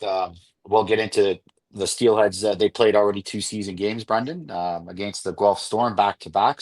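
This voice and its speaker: A man hosting a sports radio show, telling stories in an animated way and laughing often. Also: lowish voice. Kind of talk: casual sports radio chat. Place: radio studio.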